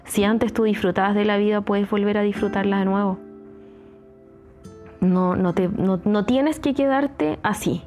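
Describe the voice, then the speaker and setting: A woman's voice: mid-range voice, steady tone, unhurried, a little mellow, soft background music. A woman with a Chilean accent, a psychologist hosting a podcast, talking casually and earnestly, repeating her advice to urge listeners. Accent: Chilean Spanish.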